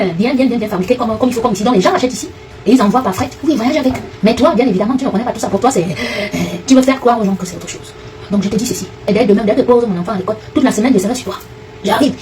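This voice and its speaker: A woman ranting fast and confrontationally, addressing a rival directly in a heated online video. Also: medium pitch, darkish tone, recorded from a distance, low-quality recording. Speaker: online commentator. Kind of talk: heated direct-to-camera rant.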